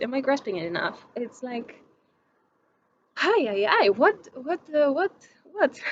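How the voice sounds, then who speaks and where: In her personal vlog, a young woman from Greece reflects aloud to the camera, frequently restarting while she hunts for the right words. She has a mid-range voice, and the rough recording carries some hiss or hum.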